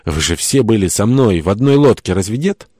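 A pompous man stands up and declaims with sanctimonious weight, as a male narrator puts him on. The voice is deep, the sound close and dry. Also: lively intonation, a little fast, a little mellow, dry recording. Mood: preachy.

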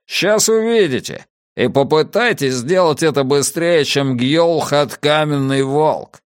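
A man's voice: fairly high pitch, expressive, unhurried, clean tone, no echo, pitched above the performer's own voice. A man plays a brash young warrior bragging at the top of his voice in a storybook reading. The voice is raised and swaggering, heard close and dry. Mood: boastful. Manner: loud, boastful, shouting.

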